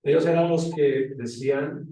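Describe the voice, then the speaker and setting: A man's voice: a little high, unhurried, warm tone, slight background noise. A male pastor preaching a sermon, questioning his congregation as he teaches. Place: church hall. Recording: echoey hall from far off.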